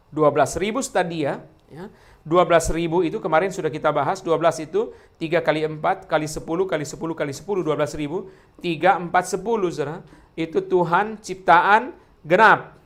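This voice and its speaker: A man preaching a sermon to his congregation. He keeps turning to the listeners with direct address and poses question after question, then answers them himself. Key words come back again and again, hammered home. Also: high-pitched. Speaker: pastor.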